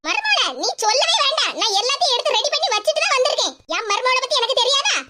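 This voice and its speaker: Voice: very high voice, very animated, fast, full character voice. A performer voicing an older village mother-in-law who goads her daughter-in-law on, boastful. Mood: goading. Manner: goading, boastful. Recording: loud background noise with clicks.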